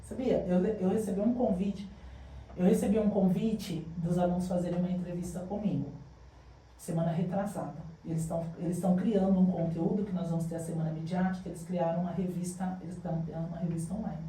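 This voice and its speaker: A woman's voice: lowish voice, brisk, a little hiss or hum. A woman, a school director telling stories in a casual podcast chat and acting out the dialogue. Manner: animated, acts out dialogue in her stories. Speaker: guest, public school director. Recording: echoey room, distant mic.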